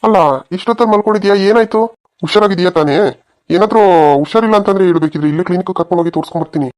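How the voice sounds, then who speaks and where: A man voicing a village neighbor and a husband in a cartoon comedy, reasoning in a plain, hurried way. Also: high voice, darkish tone.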